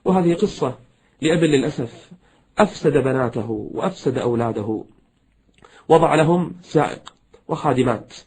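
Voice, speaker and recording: A man preaching a sermon, telling stories quickly and fervently, sometimes slowing to chant verse. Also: fairly high pitch, darkish tone, breathy edge. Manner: fast, fervent storytelling; chants poetry and verses slowly.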